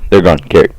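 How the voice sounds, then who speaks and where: A man's voice: on the low side, breathy edge, no room sound, rough recording. Giggly young man with the hiccups. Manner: giggly, keeps exclaiming and laughing. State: has the hiccups. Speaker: gamer recording with friends. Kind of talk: casual voice chat.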